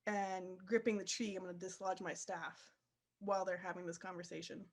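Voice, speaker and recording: A woman's voice: lowish voice, little pitch movement, a little fast. Dry-humored woman playing a tabletop game. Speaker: player.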